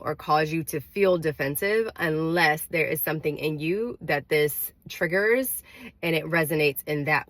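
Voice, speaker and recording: Slow, low-voiced congested woman. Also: a bit bright, no room sound. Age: adult with a daughter. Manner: earnest, careful, many fillers. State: congested, under the weather. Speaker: vlogger. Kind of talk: casual advice to camera.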